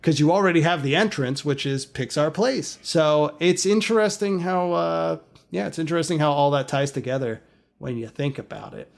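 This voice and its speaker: A man's voice: on the high side, normal speed, gravelly. A man co-hosting a casual chat, talking in a rambling, chatty way with frequent laughs. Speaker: podcast co-host.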